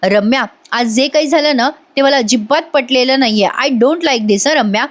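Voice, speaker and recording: A grumbling older uncle from a TV serial, read aloud by a woman voices his disapproval. The delivery is slow and sour, in the reader's own higher voice. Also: lightly acted.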